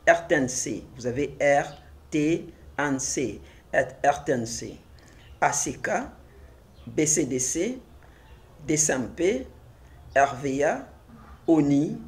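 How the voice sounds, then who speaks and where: A man teaching a French literacy lesson, spelling letters and syllables aloud one at a time and repeating them for adult learners. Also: a little high.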